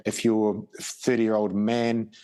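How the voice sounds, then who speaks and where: A man's voice: fairly low pitch, little pitch movement, unhurried, warm tone, smooth. A middle-aged man with a broad New Zealand accent, explaining things bluntly and matter-of-factly in a casual interview. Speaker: guest, former special forces soldier and police officer.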